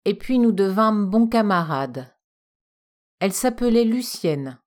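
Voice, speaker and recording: A woman narrating a literary story in a measured, expressive storytelling manner. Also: medium pitch.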